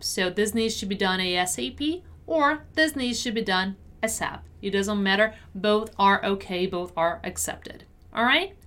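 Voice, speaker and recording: A woman's voice: a little high, a bit bright. A woman teaching English, repeating example sentences and checking understanding with "right?". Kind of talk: language lesson explaining phrases.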